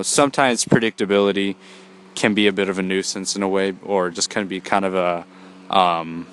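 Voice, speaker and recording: A young man hosts a solo podcast, rambling casually with many fillers and restarts and sounding a bit congested from a cold. His voice is low, smooth, and fairly bright.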